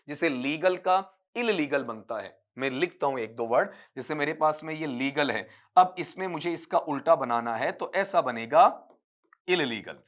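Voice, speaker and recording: Addressing his students as "beta," this teacher works through exam-prep material one step at a time, asking questions and then answering them. His male voice is slightly high and a bit bright.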